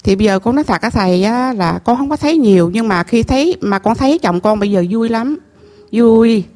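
Speaking to a temple master, a middle-aged woman with a Southern Vietnamese accent shares an emotional personal testimony about her life. Her voice is slightly high for a woman, with lively intonation and a dark tone. She confides earnestly in halting, repeated phrases.

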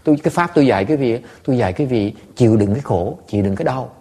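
A man, a Buddhist monk teacher, telling stories to listeners in an animated, laughing way with many stammered repeats. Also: medium pitch, very fast, breathy edge. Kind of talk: storytelling talk to listeners.

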